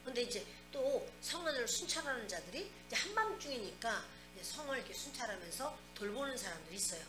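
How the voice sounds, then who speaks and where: A woman pastor preaches in a fairly high voice and speaks straight to her congregation with lively asides. Her voice rings in an echoey hall, and music plays underneath throughout. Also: fast talker. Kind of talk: sermon.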